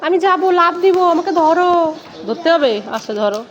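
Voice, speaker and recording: A woman's voice: very high voice, animated, fairly quick, a crowd in the background. A woman talking casually to children while filming on a phone outdoors, coaxing and scolding them and repeating her words. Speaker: vlogger minding children. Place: busy street outdoors. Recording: loud street traffic noise.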